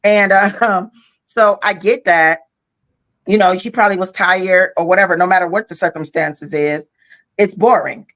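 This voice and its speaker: A woman co-hosts a casual podcast, speaking in a slightly low voice. She sounds tired after a long day but stays frank and talkative, filling her sentences with "you know.". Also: moderate pace, a bit bright. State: tired, yawning. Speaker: podcast co-host. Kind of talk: casual chat.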